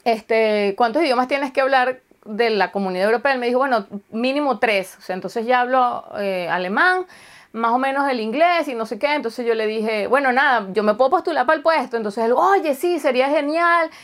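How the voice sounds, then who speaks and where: A woman's voice: fairly high pitch, fairly quick. A Venezuelan woman in casual chat, telling a story and acting out the dialogue. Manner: chatty storyteller, acts out dialogue.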